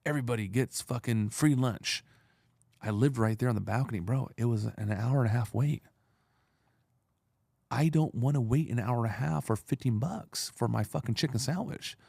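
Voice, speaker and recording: A man's voice: mid-range voice, normal speed, vocal fry, a little mellow, dry recording, clean studio sound. A man in his thirties, an entrepreneur guest, telling blunt, profane stories in streetwise slang. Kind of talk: casual storytelling.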